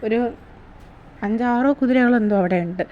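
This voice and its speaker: A woman's voice: a little high, moderate pace, narrow, tinny audio, a little hiss or hum. A woman narrating her family day-out vlog in a casual, chatty way, often asking viewers to comment. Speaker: vlogger.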